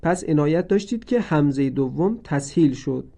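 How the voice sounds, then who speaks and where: A man gives a recorded lesson on the rules of Quran recitation, working through each point methodically. His voice sits a little high but stays mellow and soft-edged. He explains every rule and then repeats the examples so listeners can practise. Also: expressive, vocal fry.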